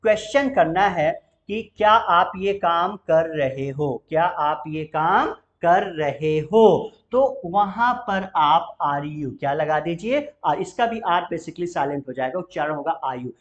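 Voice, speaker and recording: A male English teacher with an Indian accent, teaching a spoken lesson and repeating example phrases slowly for practice. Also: on the high side, expressive, highs cut off. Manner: repetitive drilling, models phrases slowly.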